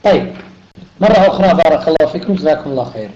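A man's voice: fairly high pitch, expressive, racing, noisy background. A man teaching a recitation lesson online, explaining patiently and sounding out letters to demonstrate. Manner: switches between Arabic and German in explanation. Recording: roomy, dull online audio.

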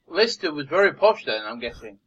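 Male guest, slightly high voice, relaxed chat, muffled lo-fi sound. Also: a little fast, slightly rough. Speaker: podcast guest. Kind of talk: casual chat.

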